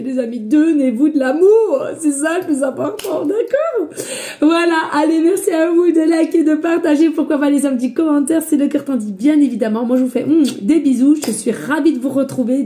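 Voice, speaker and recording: Giving a reading for her spiritual guidance vlog, a warm-voiced psychic woman talks loudly, as she says herself, in a high pitch, briskly and with hardly any pauses. She notes her slight accent, chats casually with some hesitancy, and calls viewers her friends.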